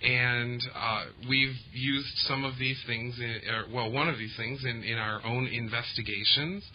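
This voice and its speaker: Rambling man hosting a talk show. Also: medium pitch. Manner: rambling, many fillers and restarts. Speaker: podcast host. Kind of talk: casual radio talk. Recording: dull lo-fi audio.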